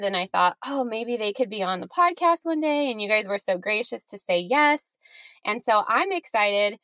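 A woman's voice: a little high, fairly bright tone, no room sound. Woman podcast host, chatty, laughs often, dry close sound. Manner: friendly, laughing, chatty with restarts. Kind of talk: casual interview chat.

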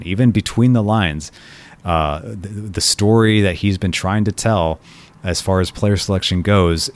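A man from Colombia giving solo soccer commentary, thoughtful and prone to restarting his sentences. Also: deep voice. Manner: thoughtful, frequent restarts and repeated words. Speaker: soccer writer and podcast host.

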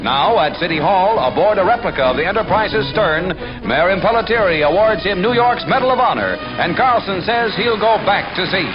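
A man's voice: high voice, lively intonation, moderate pace, hardly any pauses, muffled recording, music in the background. A man narrating an old newsreel in a punchy, declamatory style, heard from a vintage film soundtrack. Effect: old newsreel recording. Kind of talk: brisk 1950s newsreel narration.

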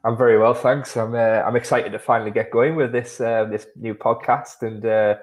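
A man's voice: mid-range voice, steady tone, normal speed. A man with a North East England accent chatting casually as a football podcast panellist, hesitantly thinking aloud. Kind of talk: casual chat.

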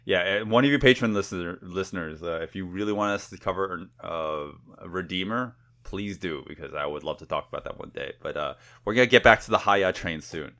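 Man, very low voice, casual film review chat, rambling, lots of fillers. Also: fairly quick, few pauses. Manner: relaxed, rambling, filler-heavy. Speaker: podcast co-host.

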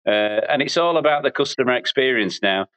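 Farmer, mid-pitched, laid back, dry close sound. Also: male voice, lively intonation, a little fast, fairly bright tone, dry recording, poor audio. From Barnsley, England. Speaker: farmer and business owner. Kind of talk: casual interview chat.

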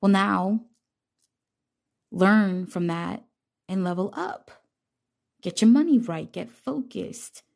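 A woman giving a casual, blunt zodiac reading, talking straight to the listener with lots of swearing and animated outbursts. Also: medium pitch, takes it slowly, creaky, pauses often. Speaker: tarot reader.

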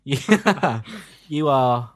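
A young British man with a mid-pitched voice co-hosts a podcast in casual banter. His delivery is blunt and teasing, like talk between mates. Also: animated, extremely slow. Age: early 20s. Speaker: podcast co-host.

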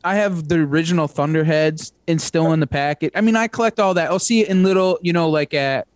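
A man hosts an outdoors podcast with a chatty, upbeat manner. His voice sits a little high for a man. The recording is dry and close, with no room sound. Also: fast talker, dry recording. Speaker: podcast host. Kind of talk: casual interview chat.

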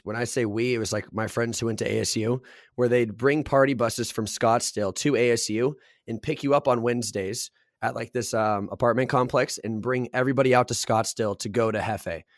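Man, podcast host, mid pitch, swears a lot, dry close mic. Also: no room sound. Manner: swears freely, excitable storytelling. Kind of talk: casual storytelling chat.

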